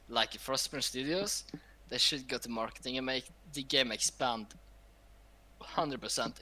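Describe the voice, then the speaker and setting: Bright, opinionated man chatting. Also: medium pitch. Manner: opinionated, loose, drawn-out phrasing. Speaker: talk show panelist. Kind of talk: casual chat.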